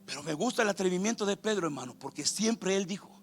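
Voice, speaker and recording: A man's voice: high-pitched, expressive, fast, breathy edge, faint music behind. A man preaching a sermon in a church, fervent, calling his listeners brother again and again.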